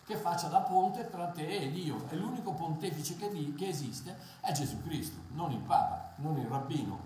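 A man delivering a sermon in a warm, dark voice, driving his points home with emphatic repetition. He stumbles into hesitant fillers and restarts, then surges forward with conviction. The recording is very echoey, with a faint hiss behind him. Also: fairly high pitch, expressive, normal speed. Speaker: preacher. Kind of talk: Bible teaching sermon. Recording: very echoey room, faint noise.

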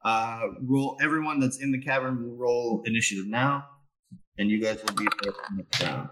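A man running a tabletop game as game master, setting scenes in an unhurried way with plenty of fillers. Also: medium pitch, pushed and bright, distant mic, low-quality recording.

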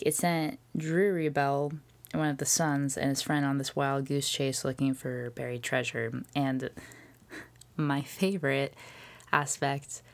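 A woman hosting a podcast, telling a history story in a casual, jokey way with swearing and quick whispered asides. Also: rumbling low. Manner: chatty with frequent fillers and whispered asides. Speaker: podcast host.

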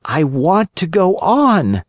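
A man's voice: high voice, huge pitch swings, slow, dry recording, studio quality, pitched above the performer's own voice, heavily acted. A man doing a headstrong puppet boy. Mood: stubborn. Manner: insistent, childish. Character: stubborn wooden puppet boy, naive and headstrong.

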